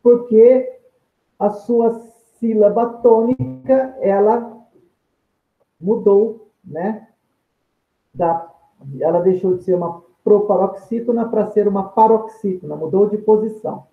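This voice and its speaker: A man's voice: high voice, slow pace, faint music behind. A man, a grammar teacher giving a video lecture, explaining step by step and answering his own questions. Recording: tinny phone-like sound in an echoey room.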